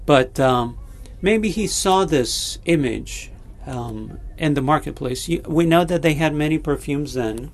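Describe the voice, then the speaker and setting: A man preaching a sermon and leading a prayer, pausing often with fillers and restarting his sentences. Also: on the high side, faint music behind. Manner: halting, many fillers and restarts, slow and deliberate. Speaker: pastor.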